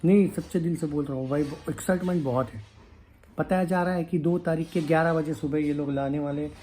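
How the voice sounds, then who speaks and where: A man, a film news YouTuber chatting casually to his viewers, pausing with fillers and slipping into English phrases. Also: on the high side, steady tone, dark tone, slight background noise. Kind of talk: casual chat to camera.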